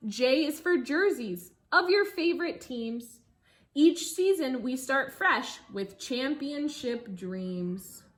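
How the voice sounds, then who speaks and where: A female teacher reads a picture book aloud to young children in a slightly high voice with lively, singsong intonation. She phrases it like a storybook and pauses for engaging asides to her listeners.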